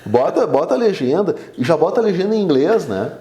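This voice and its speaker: Man, interview guest, mellow dark tone, chatty storyteller, echoey room. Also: on the high side, fairly quick. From Brazil. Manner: animated storyteller, many fillers like 'né' and 'cara'. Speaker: oral surgeon guest. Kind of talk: casual interview chat. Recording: roomy echo.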